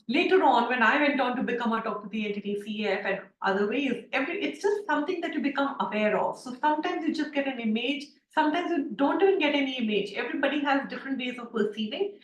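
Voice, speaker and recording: A woman's voice: high-pitched, recorded from a distance. Chatty woman on a roomy call. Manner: chatty storytelling with many fillers. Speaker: class facilitator. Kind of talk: teaching an online class. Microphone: video call. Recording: roomy, off-mic video call.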